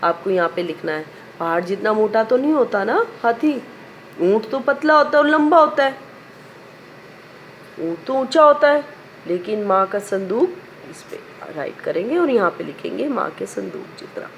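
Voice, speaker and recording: During a primary school recitation, a female teacher with a slightly high, expressive voice sings out a children's poem at normal speed, asking questions and supplying the answers herself. A faint hiss or hum is audible.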